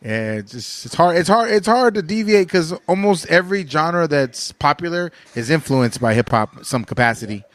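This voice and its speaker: A man joining as a guest DJ, chatting quickly and casually. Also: fairly high pitch, animated, dry recording. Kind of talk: casual chat.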